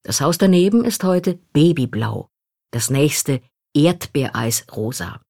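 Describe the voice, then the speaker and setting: A woman reading a first-person memoir aloud in a calm, reflective manner. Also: low-pitched, slow pace, gravelly, no room sound, clean studio sound. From Poland. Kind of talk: scripted literary narration.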